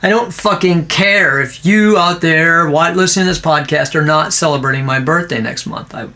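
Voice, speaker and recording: A man with a Minnesota accent co-hosting a podcast in casual chat, ranting sarcastically and breaking into loud mocking voices. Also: on the high side, normal speed. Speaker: podcast co-host.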